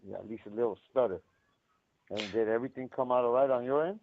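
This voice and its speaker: A man's voice: medium pitch, fast talker. A man calling in from a prison payphone, chatting casually with laid-back slang and swearing. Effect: prison payphone line. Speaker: incarcerated caller. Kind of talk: casual chat. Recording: tinny phone line.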